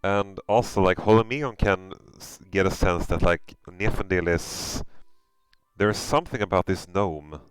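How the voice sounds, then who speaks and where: A man's voice: sits low, measured pace, clean tone, no room sound, low-quality recording. A man with a Swedish accent running a tabletop game, describing scenes hesitantly with many fillers. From Sweden. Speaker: game master.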